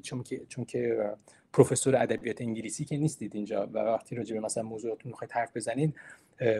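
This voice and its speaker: Husky-voiced male lecturer, chatty and encouraging. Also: medium pitch, darkish tone. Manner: conversational and encouraging, with rhetorical questions; explains terms and repeats points to stress them. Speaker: university lecturer giving a presentation. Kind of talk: informal online lecture.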